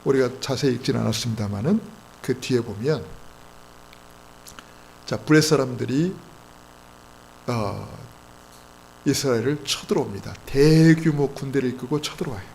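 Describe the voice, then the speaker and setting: A man preaching a Sunday sermon as pastor, emphatic, swinging between loud exhortation and quiet asides. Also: mid-range voice, moderate pace, gravelly, long pauses, slight background noise, low-quality recording. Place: church sanctuary.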